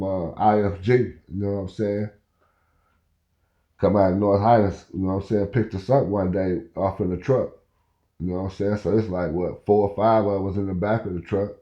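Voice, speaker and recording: A man in his fifties who hosts a podcast, from Oklahoma, tells a meandering story casually and often asks "you know where I'm coming from." His voice is fairly low with a dark tone, and the audio is muffled and echoey.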